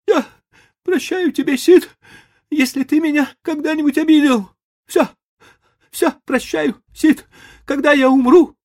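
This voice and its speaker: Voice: sits high, a little slow, pauses often, a little mellow, pitched above the performer's own voice. A whiny, melodramatic boy. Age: child.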